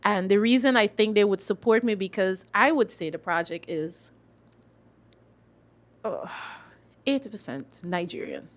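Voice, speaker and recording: A woman's voice: medium pitch, lively intonation, unhurried, long pauses. A woman with a Guyanese accent speaking casually as a singer being interviewed, emphatic and repeating phrases for stress. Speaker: singer-songwriter, interview guest.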